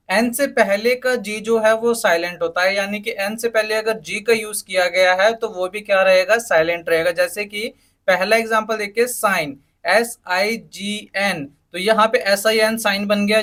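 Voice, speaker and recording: A man's voice: sits high, fairly bright tone. A man teaching English spelling in a lesson, spelling words out letter by letter and asking his students questions he answers himself. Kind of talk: spoken English lesson in Hindi.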